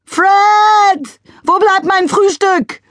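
A woman's voice: high voice, moderate pace, fairly bright tone, no room sound, studio quality, pitched above the performer's own voice. Shrieking bossy mother. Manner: shrieking, bellowing demands. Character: bossy demanding middle-aged mother.

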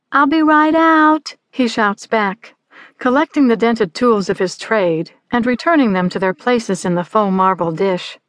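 A woman narrating literary fiction in a measured, unhurried voice. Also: medium pitch, no echo, studio quality. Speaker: audiobook narrator.

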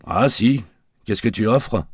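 A man's voice: on the low side, slow pace, breathy edge, no echo, studio quality, pitched above the performer's own voice. A man voicing a wisecracking middle-aged male barman with slangy, bantering talk. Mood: jovial banter.

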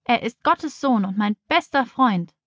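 A woman's voice: on the high side, animated, a little slow, a bit bright, no room sound, voice pushed up. Woman as devout young girl, earnest and sincere, light raised voice, storybook. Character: calm, trusting, devout little girl.

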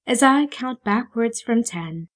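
Woman acting as a female hypnotist, whispered role-play, breathy, sing-song, slow and soft. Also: fairly high pitch, lively intonation. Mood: hypnotic. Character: soothing female hypnotist counting down.

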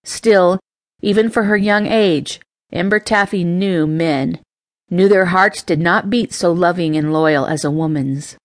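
A woman narrates a fanciful romance in a gentle, measured way. Her voice sits a little low, and the sound is dry and close, with no room around it. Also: no echo. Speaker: audiobook narrator. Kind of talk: scripted narration.

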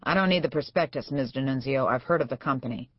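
A woman's voice: extremely low pitch, quick pace, husky, no room sound. A woman voicing a sarcastic, domineering older male judge in an audiobook, with a dull, dry studio sound.

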